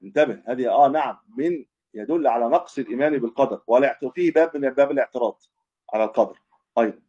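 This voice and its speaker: Fast-talking sheikh, dull lo-fi recording. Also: male voice, mid-range voice, mellow, breathy edge. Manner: explanatory, repeats and restates points, self-corrects. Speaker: Islamic scholar teaching hadith. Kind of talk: religious lesson commentary.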